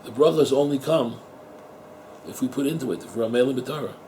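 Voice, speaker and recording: Rabbi in middle age, relaxed warm tone, chatty talk to students with Hebrew terms mixed in. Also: male voice, mid-range voice, fairly quick, slight background noise, poor audio. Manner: conversational, repeats words, asks the listeners rhetorical questions; mixes Hebrew and Yiddish terms into English. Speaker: rabbi teaching at a yeshiva. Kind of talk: informal Torah talk to students.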